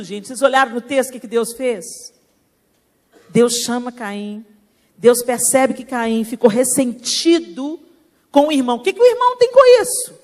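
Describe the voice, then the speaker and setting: A woman's voice: fairly high pitch, darkish tone. A Brazilian woman pastor preaching a sermon in a church, asking rhetorical questions and rising into emphatic preaching.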